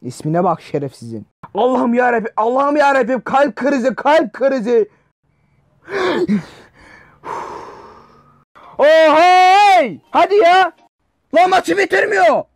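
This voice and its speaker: Guy screaming at his game, voice way up high and all over the place, swears a lot. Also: measured pace, no echo, studio quality. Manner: excitable, yells and swears at the game. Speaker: gamer and YouTuber. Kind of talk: loud gaming reaction commentary.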